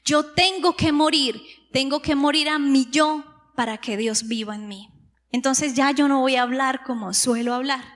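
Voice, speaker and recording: A woman's voice: high voice, normal speed. A woman preacher, teaching a sermon and explaining words step by step with rhetorical questions. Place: church hall. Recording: long hall reverb.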